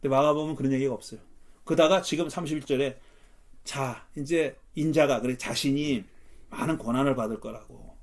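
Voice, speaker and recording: A man leading a Bible study as pastor, explaining verses in an animated way and acting out the lines he quotes. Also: mid-range voice, fairly quick. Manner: animated, acts out quotes with rising intensity.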